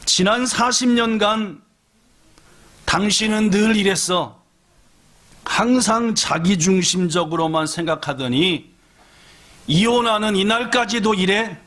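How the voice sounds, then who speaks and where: A man's voice: slow pace, pauses often, fairly bright tone. A man voicing a bitter old woman in her sixties who angrily scolds her husband, as part of a sermon story. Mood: angry scolding. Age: older. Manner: angry scolding, shrill rising voice. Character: furious old wife, divorcing, bitter.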